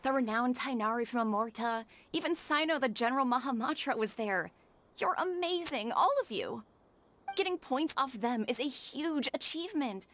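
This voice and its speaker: A woman's voice: high-pitched, lively intonation, normal speed, a bit bright. A woman voicing a blunt, encouraging young woman in a game, brash and cheering. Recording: game audio with music behind.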